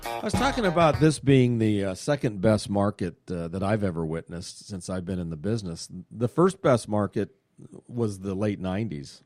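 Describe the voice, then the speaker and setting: A man hosting a radio show, chatting in a casual way, excitable and full of fillers. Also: fairly low pitch, normal speed, soft background music. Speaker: radio show host and money manager.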